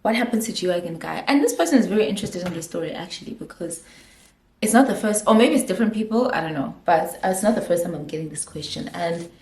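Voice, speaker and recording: A young makeup artist with a South African accent talks fast through a storytime vlog as she gets ready at home, giggling and mixing in Zulu phrases. Her voice is on the low side, expressive and slightly mellow, recorded in an echoey room.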